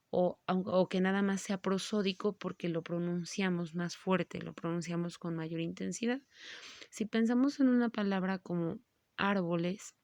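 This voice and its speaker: A woman teacher giving a grammar lesson, speaking slowly and patiently and stretching words out syllable by syllable. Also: mid-range voice, darkish tone, dry recording, clean studio sound.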